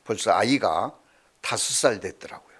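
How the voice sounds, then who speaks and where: A middle-aged male pastor preaching a sermon, telling stories with swings from loud to hushed. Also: fairly low pitch, animated, moderate pace, slightly rough.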